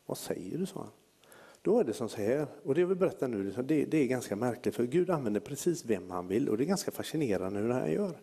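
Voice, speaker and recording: A man preaching, telling a long story and putting on the voices of the people in it. His voice is gravelly and husky, with a dark, mellow tone. The sound rings with a long hall reverb. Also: mid-range voice. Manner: lively anecdotal preaching with acted-out quotes. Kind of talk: sermon storytelling.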